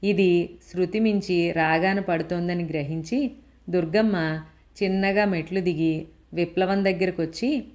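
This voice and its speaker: A woman narrating a story in a steady, expressive reading voice. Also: fairly low pitch, unhurried.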